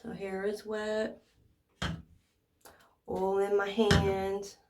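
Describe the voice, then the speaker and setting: An American hair care vlogger chats casually to viewers in an informal tutorial, thinking aloud as she demonstrates. She speaks at a medium pitch in a monotone, drawing out her words. The recording is distant from the mic, with roomy echo and heavy background noise.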